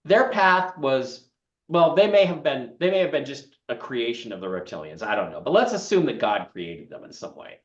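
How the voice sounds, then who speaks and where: Guy hosting over a roomy lo-fi call, pitch bouncing all over, forceful and opinionated. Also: moderate pace. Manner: emphatic, opinionated, animated. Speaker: host. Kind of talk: casual interview chat. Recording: echoey, dull lo-fi remote audio.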